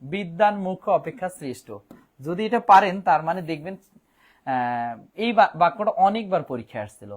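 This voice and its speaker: A man leads an online Bangla grammar lesson. His voice sits a little high for a man. He slows right down to spell words letter by letter and fills gaps with hesitations and restarts. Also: expressive. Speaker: Bangla teacher.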